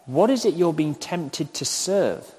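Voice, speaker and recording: A man preaching a sermon in a slow, deliberate way, with emphatic pauses. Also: on the high side, expressive, warm tone, breathy edge. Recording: long hall reverb.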